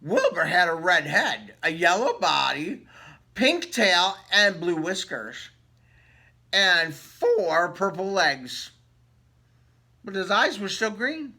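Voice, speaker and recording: Reading a picture book to children, this man plays it up and keeps asking them questions as he goes. His voice sits high and sing-song, unhurried, gravelly yet bright, with a forceful edge.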